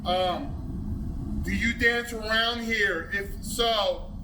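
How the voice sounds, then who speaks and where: A man on a ghost hunt slowly and gently calling out to spirits, asking them to make signs. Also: high-pitched. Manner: slow, coaxing, speaking to the room. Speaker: paranormal investigator. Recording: echoey room from far off, noisy.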